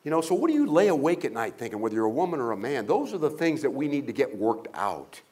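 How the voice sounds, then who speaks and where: An older man, a guest at a motivational event, tells humorous stories with jokes and acted-out voices, and throws rhetorical questions at the audience. His voice is medium in pitch, swings widely, moves fast and sounds a little mellow.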